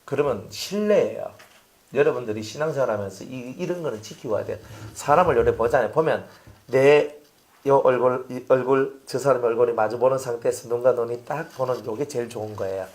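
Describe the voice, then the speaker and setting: A pastor preaching a sermon, chatty and animated, asking his congregation rhetorical questions. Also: medium pitch, brisk.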